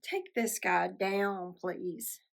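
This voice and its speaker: A woman's voice: mid-range voice, fairly even intonation, drawn-out words, gravelly, loud music behind the voice. A woman hosting a film reaction, exclaiming and cheering at the screen. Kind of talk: excited film reaction commentary.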